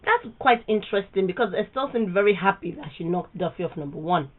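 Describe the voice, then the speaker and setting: Fast-talking opinionated woman. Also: medium pitch, animated. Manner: opinionated, emphatic. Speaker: podcast co-host. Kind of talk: casual music chat. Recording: narrow phone-like sound.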